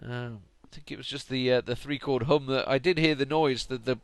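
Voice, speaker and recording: A man's voice: mid-range voice, brisk, clear, resonant tone, no echo. A tired man giving chatty, rambling solo play-by-play commentary on a video game late at night, often correcting himself. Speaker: esports commentator. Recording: steady noise under the voice.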